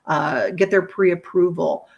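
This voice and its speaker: A woman leading a screen-share software training, explaining features in an upbeat, conversational way with frequent fillers. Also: lowish voice, steady tone, slow, vocal fry, dull audio.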